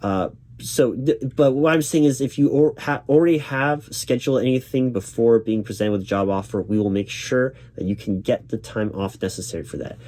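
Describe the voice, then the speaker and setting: A man role-playing a job interviewer, reassuring and accommodating, halting and repeating his words as he goes. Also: medium pitch, dark tone. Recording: lo-fi, noisy, clacking keyboard typing. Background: computer keyboard typing.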